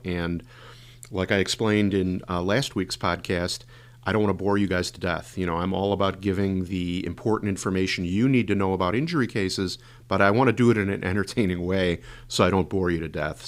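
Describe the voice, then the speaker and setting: An injury lawyer hosts a podcast in a casual monologue, his low male voice hoarse and congested. He rambles as he explains things, leaning heavily on fillers.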